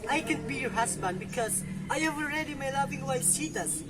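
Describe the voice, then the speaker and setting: Woman doing a noble prince guy, polite n formal, loud music behind. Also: high-pitched, lively intonation, brisk. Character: noble devoted male prince hero.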